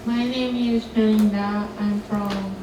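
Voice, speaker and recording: Slow, flat-voiced student. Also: female voice, mid-range voice. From Indonesia. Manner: careful, pausing between phrases. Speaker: university student. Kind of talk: asking a question in a lecture. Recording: far-off mic in an echoey classroom with background noise.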